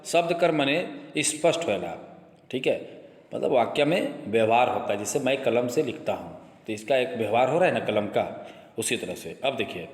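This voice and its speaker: A male coaching teacher walks through a grammar lesson, repeating each point slowly and again. His voice sits in a mid range. The room rings with a long, echoey reverb. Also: mid-range voice, lively intonation. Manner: repeats each point slowly, keeps saying "look carefully". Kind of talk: grammar lesson explaining slides.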